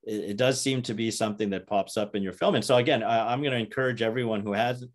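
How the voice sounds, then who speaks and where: A man moderating an academic interview, speaking in a halting way with frequent restarts and "uh"s. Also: fairly low pitch, fairly even intonation.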